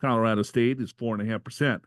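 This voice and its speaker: A man's voice: on the low side, steady tone, quick pace, no echo, studio quality. A man co-hosting a podcast, reading listener questions aloud and adding playful asides in casual banter. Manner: joking, reads letters aloud with asides.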